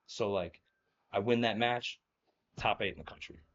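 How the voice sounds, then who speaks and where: In a casual interview, a young guest from New Jersey, a former college wrestler, rambles through stories with plenty of fillers and frequent laughter. His voice sits on the low side with a fairly bright tone at normal speed, and the sound is lo-fi.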